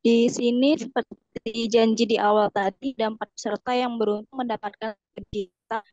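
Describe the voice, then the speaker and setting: A woman's voice: on the high side, fairly even intonation, moderate pace, a little mellow, dry recording. Woman, choppy breaking-up call audio, dull lo-fi sound, dry, polite, reads names out like a list. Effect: choppy audio that keeps breaking up. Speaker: co-host reading out winners. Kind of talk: online talk session announcement.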